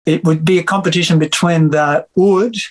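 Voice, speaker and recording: A man's voice: on the high side, fairly even intonation, normal speed, poor audio. A middle-aged Australian man from Victoria, chatting casually about his music in an interview, with many fillers and restarts. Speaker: musician and music teacher, guest.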